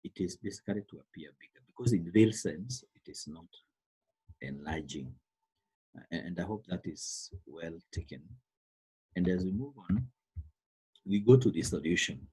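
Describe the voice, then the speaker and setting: Man, Kenyan accent, teacher on a call, very low pitch, slightly breathy. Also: expressive, normal speed, long pauses, warm tone, low-quality recording. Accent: Kenyan English. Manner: repeats words, stresses key terms, calls on students by name. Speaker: biology teacher. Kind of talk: online class lecture. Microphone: computer microphone on a call.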